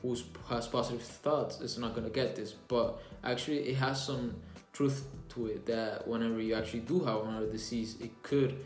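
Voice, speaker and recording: A man's voice: mid-range voice, fairly even intonation, normal speed. Young man, earnest casual book review, echoey room, faint music under. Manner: earnest, plainspoken, with frequent restarts and self-reflection.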